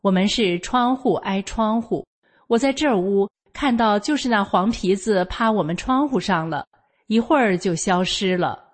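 A woman's voice: mid-range voice, moderate pace. An older woman from Northeast China with a Northeastern Mandarin accent, telling a personal story in a homely, matter-of-fact way. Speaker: storyteller sharing a personal account.

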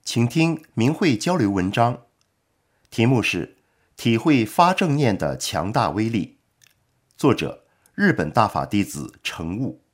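Male narrator reading text aloud; lowish voice with lots of pitch movement, calm and measured. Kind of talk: scripted narration.

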